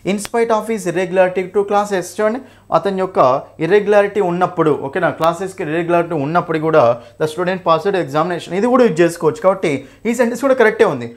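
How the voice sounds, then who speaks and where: A young man with a Telugu accent teaching an English grammar revision class. He explains each answer option in detail, keeps checking "okay?" and "right?", calls his students "nanna", and reads the English example sentences slowly. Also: sits high. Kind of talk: exam revision lesson.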